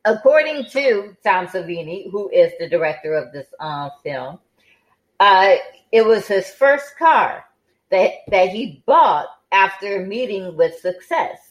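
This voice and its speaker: A woman's voice: medium pitch, lively intonation, a little slow, rough recording. A woman hosting a podcast in casual chat, tired and yawning, with many fillers and restarts. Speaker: podcast host.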